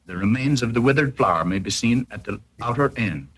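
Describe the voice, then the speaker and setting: Narrating a 1940s-style educational film, a man with a husky, slightly rough, middling-pitched voice reads his script formally and explains each point like an instructor. He speaks a little fast with lively intonation and a bit of brightness, heard through a period film soundtrack.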